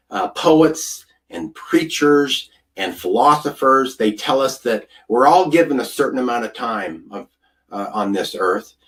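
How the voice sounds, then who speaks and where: A man's voice: mid-range voice, distant mic. Guy doing a health webinar, lots of ums and uhs, sounds a bit off-mic. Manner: earnest, storytelling, frequent fillers. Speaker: food scientist presenting a webinar. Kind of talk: live online presentation.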